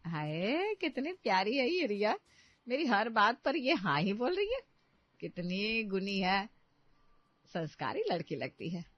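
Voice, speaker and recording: A woman voicing a modern young newlywed bride who whines and complains in a high tone. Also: big pitch swings, a little slow, no room sound. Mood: polite, annoyed. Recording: dry, slightly dull recording.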